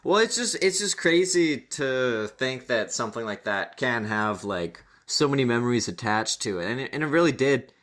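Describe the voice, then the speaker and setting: Young man, mid-pitched bright voice, laid-back, casual swearing, podcast call. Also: animated, normal speed, few pauses. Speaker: podcast co-host. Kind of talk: casual chat. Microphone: computer mic over a voice call.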